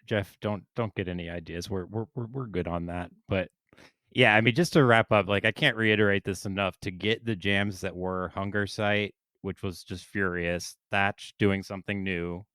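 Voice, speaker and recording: A man's voice: sits low, steady tone, moderate pace, a bit bright, smooth, dry recording. A man co-hosting a podcast in casual, upbeat chat, with small stumbles and repeated words. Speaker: podcast co-host.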